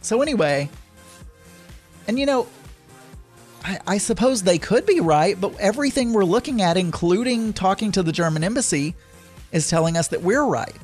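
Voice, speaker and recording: A man's voice: high voice, lively intonation, normal speed, pauses often, a little mellow, faint music behind. A man casually telling a story to his viewers, rambling with lots of fillers and restarts.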